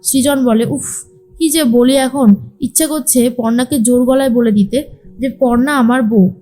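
A woman's voice: fairly high pitch, fairly even intonation, measured pace, mellow. A woman narrating a recap of a TV serial, retelling the scenes and quoting each character's lines with light voice shifts.

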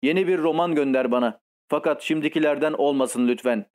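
A man's voice: fairly high pitch, brisk, darkish tone, natural voice. A man reading the lines of an imperious, spoiled old countess in an audiobook, in a scolding, commanding manner. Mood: fussy.

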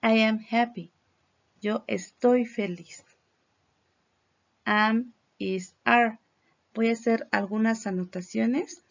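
A woman's voice: fairly high pitch, steady tone, slow pace, gravelly, pauses often, dull audio. A woman from Mexico with a Mexican accent, teaching English in a recorded lesson, explaining patiently in Spanish and modeling English words for her students to repeat. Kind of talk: recorded classroom lesson on slides.

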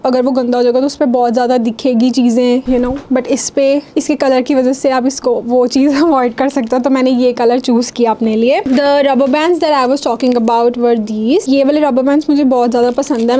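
Young Indian woman vlogger, high voice, fast chatty haul talk. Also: mellow. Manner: chatty, fast, mixing Hindi and English. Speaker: fashion vlogger. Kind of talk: try-on haul chat.

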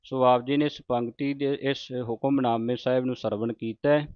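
A man with a smooth, resonant voice speaks very slowly and carefully, chanting verses and then explaining each pause. The sound is dry and close, a little dull and muffled. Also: mid-range voice, fairly even intonation, dry recording. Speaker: Gurbani teacher. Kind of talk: recitation lesson.

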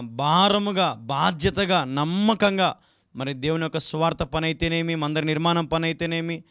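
A man's voice: on the high side, a bit bright, clear, resonant tone, no room sound, clean studio sound. A young man from Andhra Pradesh, a pastor giving a televised sermon, pleading earnestly and repeating filler words as he asks viewers for support. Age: young adult. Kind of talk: televised sermon with donation appeal.

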